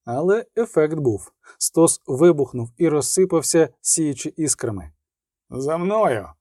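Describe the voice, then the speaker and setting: A man narrating a fantasy battle audiobook in a steady, measured storytelling voice. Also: fairly high pitch, no room sound, studio quality.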